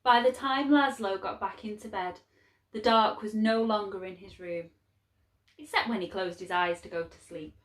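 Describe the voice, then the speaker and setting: A woman reading a story aloud to young children in a measured, expressive way with clear phrasing. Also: mid-range voice, roomy sound.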